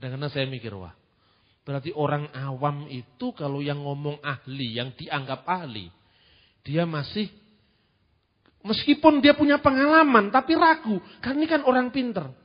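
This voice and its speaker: Man, high voice, talking to a congregation; lively and mocking, with a muffled, echoing hall sound. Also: normal speed. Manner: lively and mocking, with colloquial asides. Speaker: church teacher. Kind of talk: church talk to a congregation. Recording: dull, reverberant hall recording.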